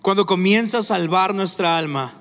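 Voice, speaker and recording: A man preaching a sermon, animated and acting out characters in quick asides. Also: high voice. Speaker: pastor. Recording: echoey hall with faint music. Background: faint music.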